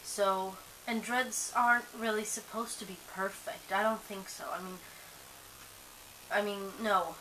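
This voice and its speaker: A young woman whose native tongue is Swedish chats loosely to camera as a vlogger, slightly sleepy and full of fillers and restarts. Medium in pitch, she speaks a little slowly with a steady, pushed, bright tone. The low-quality audio has a faint hiss.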